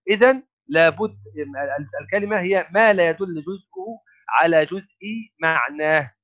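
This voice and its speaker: Male grammar teacher, high voice, phone-line audio, explains step by step. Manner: repeats and restarts words while thinking, asks rhetorical questions. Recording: phone-like narrow sound.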